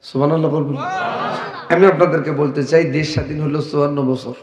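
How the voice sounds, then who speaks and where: A high-voiced male preacher tells stories animatedly, breaking into sudden shouts and urging the crowd to answer back. He is heard through loudspeakers in a big, echoey hall with a long reverb tail. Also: little pitch movement, a little fast. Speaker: Islamic preacher. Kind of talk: humorous Bengali waz sermon.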